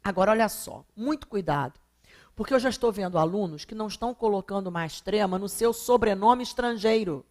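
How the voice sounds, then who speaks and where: A woman's voice: mid-range voice, darkish tone. Brazilian woman teaching grammar on video, answers her own questions, stretches words to stress them. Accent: Brazilian Portuguese. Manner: emphatic, drawn-out syllables when stressing examples; rhetorical questions answered herself. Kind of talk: recorded video lesson.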